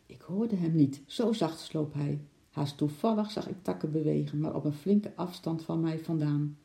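An earnest father explains calmly, as a male reader plays him. The voice is dark and gravelly in a roomy space. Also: a little high, normal speed. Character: serious father, a hunter. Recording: roomy echo.

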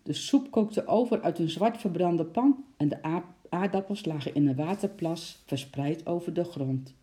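A storyteller reading a children's book aloud in a lively, expressive way, acting out sound words along the way. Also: mid-range voice, moderate pace.

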